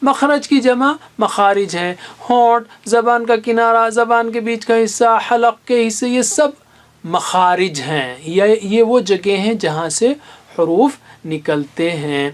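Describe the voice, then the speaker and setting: In a classroom lesson on Quran recitation, a man explains things patiently and slowly sounds out individual letters and syllables as examples. His voice sits high.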